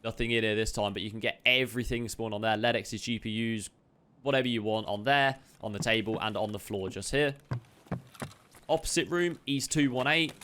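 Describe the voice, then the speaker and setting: A game streamer casually narrates a video game loot guide, chatty and upbeat with quick asides to viewers. His voice is fairly low, bright and forceful. He sounds slightly chesty with an occasional cough, and there's a little hiss or hum in the recording.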